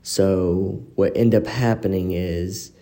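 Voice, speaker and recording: A man hosts his podcast in a loose, rambling way, peppering his story with fillers. His voice sits low and mellow. It is recorded on a phone in an apartment living room, and the bare walls wash every word in echo. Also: fairly even intonation, takes it slowly, slight background noise. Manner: rambling, frequent "you know" fillers. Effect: echoey room reverb. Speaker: podcast host. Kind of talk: casual personal storytelling.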